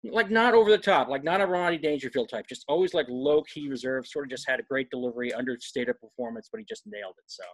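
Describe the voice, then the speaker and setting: A chatty man in his forties co-hosting a relaxed talk show. His voice sits at an ordinary pitch and sounds close and dry, with no room around it. He rambles loosely from one thought to the next. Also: no room sound, low-quality recording. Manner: rambling, chatty, quick laughs. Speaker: co-host. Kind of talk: casual chat.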